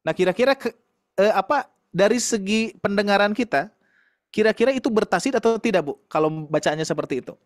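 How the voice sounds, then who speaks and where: Male recitation teacher, patient, high voice, dry close mic. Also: a little fast, dry recording. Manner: patient, explains with demonstrations and gentle laughs. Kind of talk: online tajwid class.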